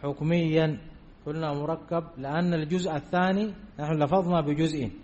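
A man's voice: fairly high pitch, fairly even intonation, a little fast, a little mellow. Lo-fi recording of a man teaching grammar. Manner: repeats key terms, often asks "did we understand?". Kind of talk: Arabic grammar lesson. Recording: dull lo-fi recording.

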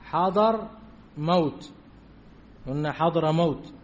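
A man's voice: on the high side, takes it slowly. A man teaching a grammar lesson, repeating key terms and often checking that his students understand. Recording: dull lo-fi recording.

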